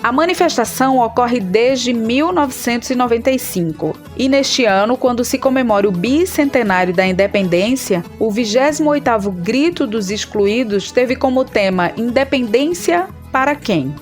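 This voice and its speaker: A woman with a Pernambuco Brazilian accent co-hosts a podcast, reading clear, informative narration. Her voice sits a little high, with faint music underneath. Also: expressive, moderate pace. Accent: Pernambuco Brazilian Portuguese. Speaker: podcast co-host.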